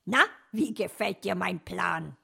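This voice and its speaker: A woman's voice: on the low side, takes it slowly, gravelly, sharp tone, husky, full character voice. A woman voicing a sly male fox in a storybook, scheming and pleased with his own plans.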